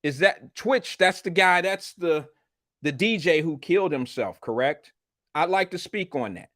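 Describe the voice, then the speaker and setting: A live show host with a fairly high, slightly bright voice chats casually with his livestream viewers through a retainer, his talk blunt, slangy and profane. He is expressive and a little slow. The recording is dry, with hardly any room sound.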